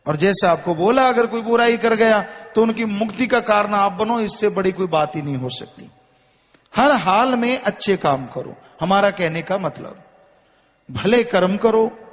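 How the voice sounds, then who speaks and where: A man delivers a sermon in a high voice, building his warnings through slow, repeated phrases. The sound is muffled and carries a long hall reverb. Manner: slow, repetitive exhortation. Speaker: spiritual preacher. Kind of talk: Hindi sermon.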